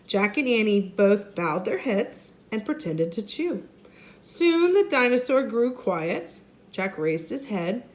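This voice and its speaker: A first grade teacher reads a storybook aloud to young children, expressive and deliberate. Her medium-pitched voice has a sing-song quality.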